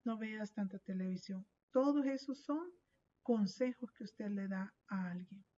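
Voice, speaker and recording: Woman, teacher, methodical step-by-step explaining, mellow voice, dull lo-fi recording. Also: medium pitch. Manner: slow, methodical explaining, reading examples aloud. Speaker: English teacher. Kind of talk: recorded lesson walkthrough.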